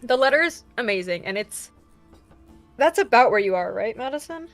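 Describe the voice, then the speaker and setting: A woman co-hosting a casual book chat, eager and animated as she recaps the story. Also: a little high, moderate pace, soft background music. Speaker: podcast co-host.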